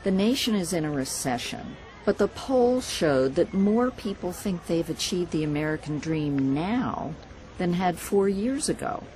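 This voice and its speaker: A woman correspondent delivering a scripted news report in an even, explanatory tone. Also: fairly low pitch, measured pace, slight background noise, rough recording.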